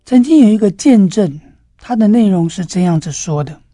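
A woman giving a devotional sermon, telling a story in a gentle, earnest way. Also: medium pitch, expressive, normal speed, faint music behind. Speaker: preacher.

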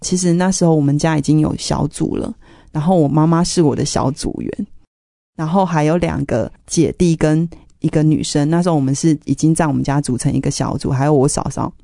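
In an interview, a woman tells her faith testimony, speaking fairly quickly in a low, dark, mellow voice touched with vocal fry. She recounts family conflict earnestly, strong emotion running beneath her words. The recording is close and dry, with no room sound.

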